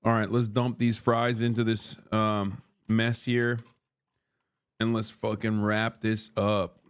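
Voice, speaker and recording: A Turkish man in his thirties streams live while eating, trading profane banter with his chat, reading messages aloud and arguing with them. His voice is fairly low with little pitch movement, slow, and clean in tone.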